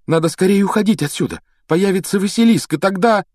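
A man's voice: lowish voice, big pitch swings, fast, breathy edge, no echo. A man voicing a frightened twelve-year-old boy wizard, pleading with breathless urgency. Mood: urgent. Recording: dry close audiobook sound.

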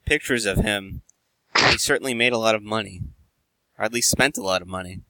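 A man talking on a casual podcast, blunt and wry, cursing now and then. His voice sits low with a gravelly fry, and the sound is close and dry. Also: fairly quick, sharp tone, dry recording. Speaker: podcast co-host. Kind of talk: casual chat.

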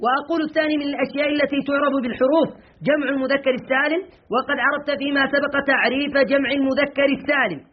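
A man's voice: very high voice, fairly even intonation, racing, dull audio, a little hiss or hum. A male teacher giving a classroom grammar lesson. He quizzes his students with questions, answers them himself, and scolds them sternly. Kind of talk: classroom lesson, explaining and reading from a textbook.

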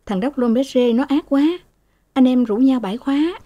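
A woman reading as a calm young student. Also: high voice, normal speed, muffled recording, pitched above the performer's own voice.

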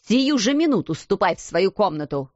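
A woman's voice: mid-range voice, very animated, moderate pace, dry recording, muffled recording, lightly acted. A woman voicing a furious strict headmistress. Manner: scolding, shouting.

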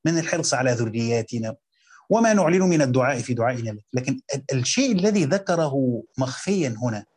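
A man with an Egyptian Arabic accent teaching a Quran commentary lesson, reading quotes slowly and then explaining them in colloquial talk while questioning his students. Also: mid-range voice, darkish tone, slightly rough.

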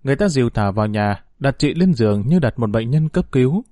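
Expressive male storyteller, mellow and dry. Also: mid-range voice, fast talker, dry recording. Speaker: narrator. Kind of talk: audiobook story narration.

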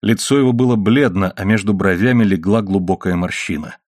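A man reading an adventure novel aloud as an audiobook narrator, in steady storytelling. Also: sits low, fairly quick, no echo, studio quality.

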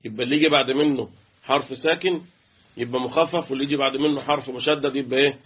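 This interactive tajweed lesson comes through a tinny phone-like connection, with an Egyptian-accented man quizzing his students on Quran recitation rules and chanting letters. He races along in a husky, medium-pitched voice with a steady tone.

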